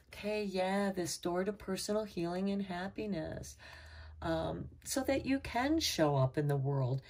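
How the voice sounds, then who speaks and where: A woman with a low, deep voice gives a tarot reading, taking her time over every card. She talks in a calm, measured, reassuring way, and she sits a little back from the microphone. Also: recorded from a distance. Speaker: tarot reader.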